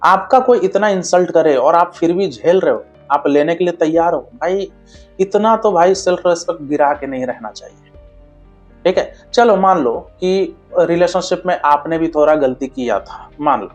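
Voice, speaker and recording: A man's voice: a little high, animated, moderate pace, soft background music. A man giving blunt, casual relationship advice straight to his viewers, keeps checking they understand and calls them brother.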